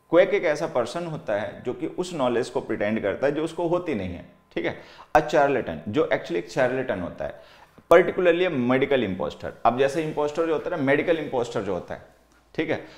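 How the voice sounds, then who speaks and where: A man teaching English vocabulary in Hindi, with an Indian English accent. He explains slowly and repeats words. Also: medium pitch, a little mellow. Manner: explains slowly, reads example sentences aloud word by word, repeats words; keeps saying "theek hai" while writing on the board. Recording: echoey room.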